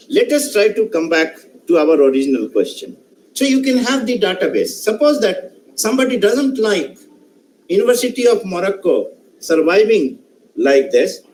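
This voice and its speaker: A man's voice: high-pitched, a little mellow, slight background noise, poor audio. A male professor with an Indian English accent, giving an online lecture and putting questions to participants, speaking emphatically and often repeating and restarting phrases. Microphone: online session microphone.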